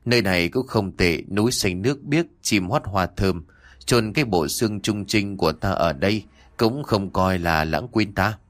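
A man voicing a cheeky, brash young swordsman who talks roughly and defiantly in a storybook reading. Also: low-pitched, close to an everyday voice. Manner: brash, rough-talking, quick and flustered. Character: cheeky brash young male martial hero.

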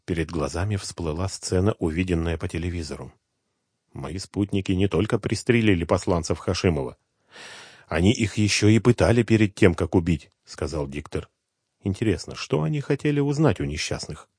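A male narrator with a lowish voice and a lively, expressive pitch, reading a first-person thriller. His delivery is tense and brooding. The recording is dry and close, like a studio booth. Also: husky, dry recording. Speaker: audiobook reader.

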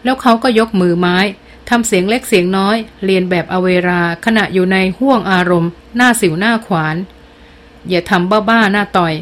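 A woman narrates a novel aloud in a steady storytelling manner. Her voice sits at a middle pitch and is plain and even. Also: fairly quick. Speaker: audiobook narrator. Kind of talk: scripted narration.

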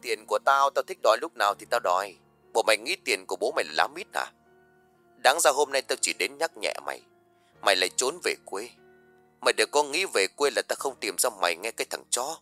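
A man voicing a brutal male loan shark gangster who makes fast, low, growled threats. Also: level tone, sharp tone, smooth, faint music behind. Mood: menacing.

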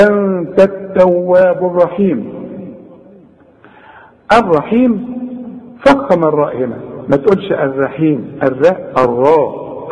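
A man with an Egyptian Arabic accent teaching Quran recitation, modeling words slowly and coaxing the learner. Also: high voice, darkish tone, in a large hall, muffled recording. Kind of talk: tajweed lesson, recitation with explanation.

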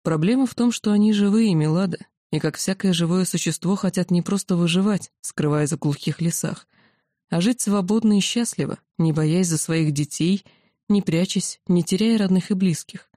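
A woman voicing a calm male dragon commander who explains things patiently, in a storybook reading. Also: on the low side, moderate pace, no echo, studio quality, natural voice. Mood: sad, earnest.

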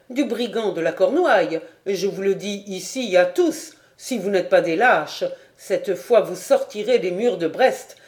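A woman voicing an insolent, boastful male sergeant who taunts and mocks loudly. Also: mid-range voice, lightly acted. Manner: loud, scornful and taunting.

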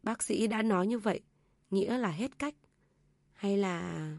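A woman's voice: mid-range voice, measured pace, gravelly, a little mellow, no room sound. Young husband, read by a woman, torn and holding back. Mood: tender. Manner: restrained, then raising his voice. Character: young husband torn between mother and wife.

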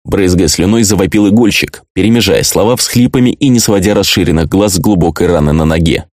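A male audiobook narrator with a deep, low voice. He reads in a measured, even manner. The recording is close and dry, with no room sound. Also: no room sound. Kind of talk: scripted narration.

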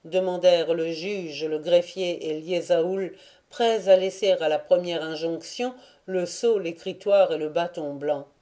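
A woman narrating a classic novel as an audiobook reader, in a measured, deliberate reading. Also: lowish voice, dark tone.

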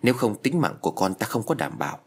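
Stern elderly exorcist, scolding and commanding, read by a male narrator, husky. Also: fairly low pitch, big pitch swings, quick pace, full character voice. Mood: grave.

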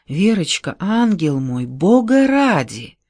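A man reading an audiobook, voicing a gentle, flustered giant of a man who speaks slowly and hesitantly. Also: high-pitched, sing-song, no room sound, clean studio sound, voice pushed up, heavily acted. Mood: tender. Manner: slow, hesitant, breathless delivery.

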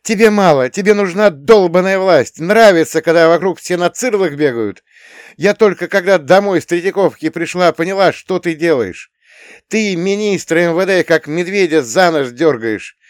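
A man voicing a tearful, angry teenage girl who is breaking up with her boyfriend and shouting at him. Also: a little fast, dry recording, clean studio sound, natural voice. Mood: furious. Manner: shouting, high-pitched.

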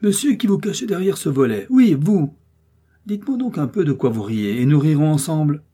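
A man's voice: a little high, very animated, moderate pace, husky, voice pushed up. D'Artagnan, a man doing a hot-headed young Gascon. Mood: furious, challenging. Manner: shouting, indignant challenges.

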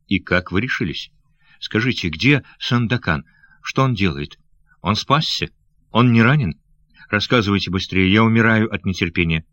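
A man's voice: on the low side, expressive, normal speed, a bit bright, no echo, clean studio sound. A man voicing a young noble lady who is anxious and loving, speaking in breathless, pleading questions.

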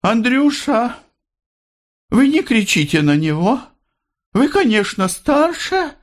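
A man voicing an anxious, tender older working-class mother who pleads in a high, tearful, drawn-out voice. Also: expressive, a bit bright, full character voice.

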